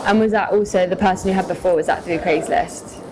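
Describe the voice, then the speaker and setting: A woman's voice: lowish voice, steady tone, fairly quick, low-quality recording. A woman asking casual questions in a hesitant, tentative way, recorded covertly. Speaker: undercover reporter. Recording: crowd noise, hidden microphone.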